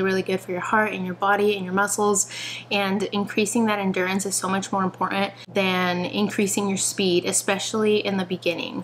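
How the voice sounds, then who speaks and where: A woman's voice: medium pitch, fairly bright tone, slight background noise, rough recording. A woman in her twenties talking casually to the camera in a chatty, explanatory way, like a vlogger, indoors at home. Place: indoors in an apartment.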